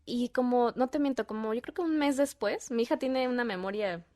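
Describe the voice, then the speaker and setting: A woman, a podcast guest and mother, telling animated stories and acting out quoted dialogue. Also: a little high, brisk. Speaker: guest, voice-over artist and mother. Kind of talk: casual podcast chat.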